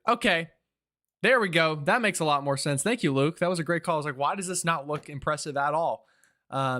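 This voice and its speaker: A man hosting a live weather stream, giving informal, urgent and excitable storm commentary while thinking aloud. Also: a little high.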